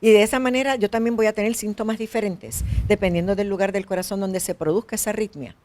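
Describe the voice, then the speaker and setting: A woman's voice: mid-range voice, steady tone, fast, darkish tone. A woman hosting a health interview, asking questions and rephrasing the answers for listeners. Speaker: health show host.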